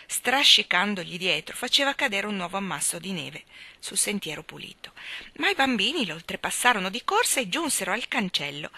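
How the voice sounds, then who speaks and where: A woman reading a children's novel aloud in an expressive storytelling manner. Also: medium pitch, no echo. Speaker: reader. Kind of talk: audiobook reading.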